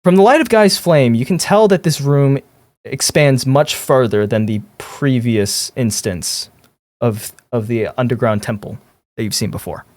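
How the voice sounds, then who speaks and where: A man working as game master, improvising descriptive narration in halting phrases. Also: medium pitch, darkish tone, no room sound.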